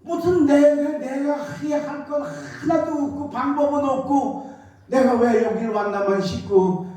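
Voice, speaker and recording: Older pastor preaching in an echoey church. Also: male voice, very high-pitched, measured pace. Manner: storytelling, emotional, swings from loud to hushed. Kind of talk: sermon. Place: church sanctuary. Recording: echoey church hall from far off.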